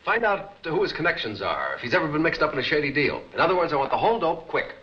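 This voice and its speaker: A commanding masked crime-fighter barks quick, clipped orders. The 1940s serial soundtrack is dull and roomy, with music swelling behind him. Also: male voice, a little high, very animated. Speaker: masked hero. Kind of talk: 1940s film serial acting.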